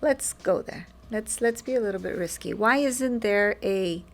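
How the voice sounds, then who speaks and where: A woman co-hosting a podcast, talking in an animated, provocative way. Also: medium pitch, moderate pace. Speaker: podcast co-host. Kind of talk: casual discussion.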